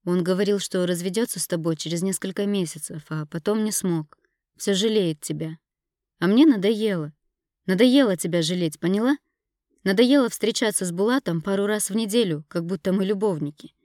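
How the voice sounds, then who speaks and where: A woman's voice: medium pitch, brisk, a little mellow, dry recording, clean studio sound, lightly acted. A woman reading an audiobook, voicing a spiteful, scornful young woman who mocks and accuses her rival. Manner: mocking, accusing. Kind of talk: audiobook character voice.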